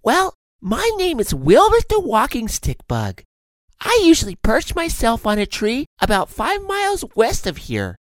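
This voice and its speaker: Musing stick bug: very high, swoopy pitch. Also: male voice, wildly swooping pitch, a little slow, no echo, studio quality, heavily acted. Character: wondering male walking stick bug.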